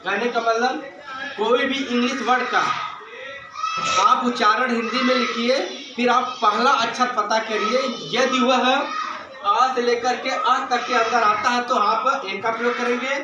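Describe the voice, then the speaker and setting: A man with a very high voice teaches a classroom grammar lesson, posing questions and answering them himself. He calls his students "beta". He is recorded from far off in an echoey room with noise behind him. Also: steady tone, unhurried, muffled recording. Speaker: school English teacher.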